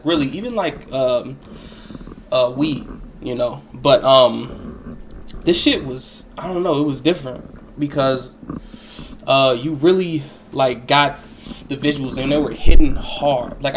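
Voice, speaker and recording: A man's voice: mid-range voice, a little hiss or hum. A young man telling a personal story in a casual, rambling way, with plenty of slang and swearing. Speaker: storyteller recounting a personal experience.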